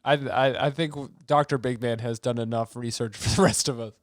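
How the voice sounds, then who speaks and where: A man's voice: mid-range voice, fairly even intonation, a little fast, no room sound, clean studio sound. A man co-hosting a podcast, riffing and joking in casual comedic chat. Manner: joking, riffing with mock outrage. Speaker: podcast co-host.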